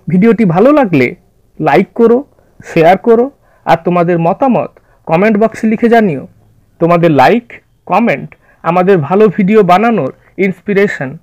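A man narrating a scripted literature lesson in a measured, orderly way, addressing his students. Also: high-pitched, darkish tone, no room sound. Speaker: literature teacher. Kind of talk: scripted explanatory lecture narration.

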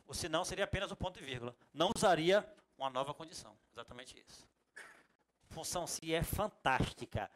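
Lively, high-voiced Brazilian man teaching. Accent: Bahian Brazilian Portuguese. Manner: lively, jokey, talks to the class. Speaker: computer course teacher. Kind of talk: classroom lecture.

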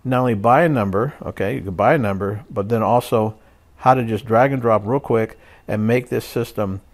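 A man's voice: lowish voice, normal speed. A man walking through a phone system setup in a casual tutorial, often checking in with "okay" and "all right" and restarting phrases as he explains. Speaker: tutorial presenter. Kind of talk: casual screen-share tutorial.

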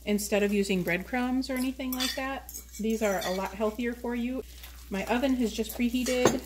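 Here an American woman talks casually while cooking on camera at home. She sits on the high side and keeps a moderate pace, recorded through a tripod camera in a noisy kitchen.

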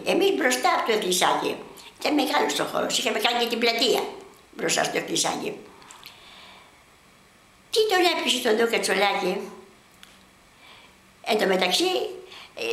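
Older woman telling a lively story. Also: medium pitch, creaky, reverberant. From Lesvos, Greece. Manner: vivid, animated storytelling with dramatic pauses. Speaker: eyewitness. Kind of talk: storytelling testimony.

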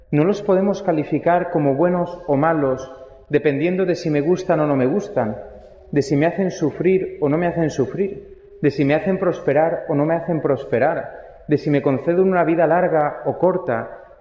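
A man's voice: fairly high pitch, mellow, roomy sound, in a large hall, highs cut off. A young adult man, a priest, giving a homily in a conversational way and putting questions to his listeners. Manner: conversational, asks the congregation questions.

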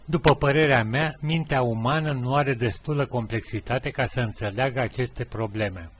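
A man's voice: medium pitch, slight background noise. A middle-aged man with a Romanian accent telling rambling anecdotes in a casual monologue and acting out the dialogue. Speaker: podcast host.

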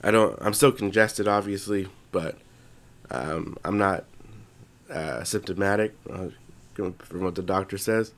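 A young man with a low-sitting voice and measured pace co-hosts a podcast while congested. His chat is casual and meandering, loaded with swearing and restarts.

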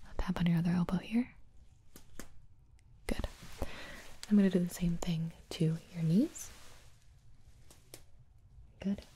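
A young woman performs a whispered role-play as a gentle, attentive doctor. Her soft, breathy whisper is very slow and mellow, calm and reassuring. It is recorded close, with a faint noise underneath. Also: fairly low pitch. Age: young adult. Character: calm, attentive female doctor examining a patient. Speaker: ASMR performer playing a doctor.

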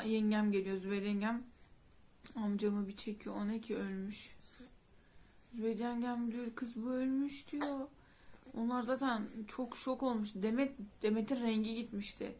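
A woman's voice: mid-range voice, darkish tone. A woman in a vlog recounting a family death, grieving and rambling, with frequent restarts and fillers. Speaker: vlogger. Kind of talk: emotional personal storytelling.

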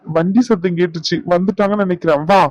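A man's voice: high voice, steady tone, fast talker, a little mellow, no echo, muffled recording, lightly acted. A man voicing a teasing, bossy young husband in a cartoon, scolding in banter. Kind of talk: cartoon voice acting.

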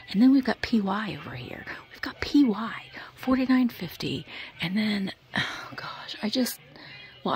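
A woman's voice: lowish voice, creaky. Chatty woman half-whispering while browsing. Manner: chatty, excitable, often half-whispering to herself. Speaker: vintage shopping vlogger. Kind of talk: shop-with-me vlog narration. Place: indoor antique mall. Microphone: handheld phone camera.

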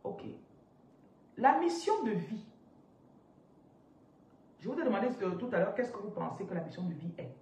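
A woman in her thirties leads a spiritual coaching session on a live stream, talking with energy and answering her viewers. Her voice sits at a middle pitch. The room adds a noticeable echo, she is a little far from the phone mic, and a faint hiss runs underneath. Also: normal speed, long pauses. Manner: animated, interactive, reads out viewer comments. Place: indoors, seated on a large ornate chair. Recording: roomy echo, somewhat distant from mic, faint noise.

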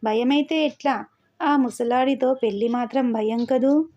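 A woman voicing an earnest, resolute young village schoolgirl in a storybook reading, in a mellow voice. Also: high-pitched, steady tone, measured pace, lo-fi sound. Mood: determined.

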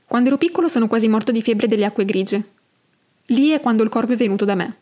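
A woman's voice: fairly high pitch, fast, warm tone, natural voice. A woman voicing a serious young boy who has visionary dreams and speaks in an earnest, matter-of-fact way.

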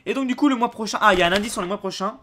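A young man chatting casually as he unboxes a subscription box, excitable and quick to exclaim and laugh. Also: sits high, slight background noise.

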